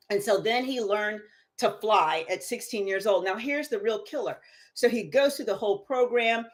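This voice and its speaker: A middle-aged woman, a guest on an interview show, telling stories with a lively voice that rises as she gets excited. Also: medium pitch. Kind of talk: storytelling interview.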